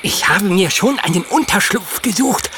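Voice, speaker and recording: Gossipy beaver in a kids audio story, lively up-and-down voice, noisy background. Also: male voice, high-pitched. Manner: rambling, drawn-out storytelling. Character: chatty male beaver, friendly, long-winded. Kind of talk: children's audio drama. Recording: audible background noise.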